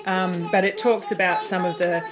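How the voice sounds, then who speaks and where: Her voice is lowish and level, her pace moderate, as this Australian woman in her thirties casually chats about books. A homeschooling parent and vlogger, she records the round-up in a room at home. Young children can be heard playing and chattering loudly behind her.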